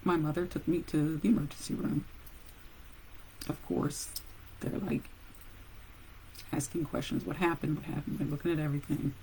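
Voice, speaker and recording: A woman who works as a nurse, casually telling a personal story with animated pauses and laughs. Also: low voice, a little hiss or hum, poor audio.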